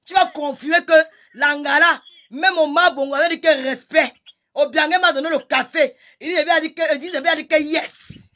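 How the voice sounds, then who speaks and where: A woman's voice: sits high, highs cut off. Fiery Cameroonian woman ranting live. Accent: Cameroonian French. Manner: heated, insulting, shouting in bursts. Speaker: livestreamer. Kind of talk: angry live-stream rant.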